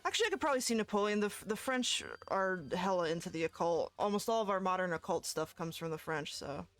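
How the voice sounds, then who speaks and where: A woman's voice: on the low side, expressive, fast talker, soft background music. Chatty woman streaming a game. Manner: chatty, giggly, profane. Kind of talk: casual chat while gaming.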